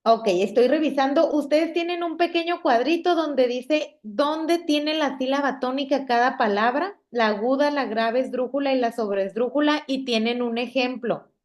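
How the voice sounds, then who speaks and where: A woman teacher with a Mexican Spanish accent, explaining a classroom lesson slowly and patiently, checking in with her students after nearly every sentence. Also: sits high, a little mellow. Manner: slow, patient, checks in with "¿ok?" constantly. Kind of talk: classroom lesson on spelling and stress. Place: classroom with projector screen.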